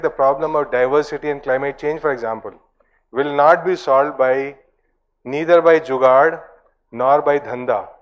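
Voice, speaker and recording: A man's voice: mid-range voice, dull audio. A man giving a conference talk in a loose, discursive way, full of fillers and asides. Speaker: conference speaker.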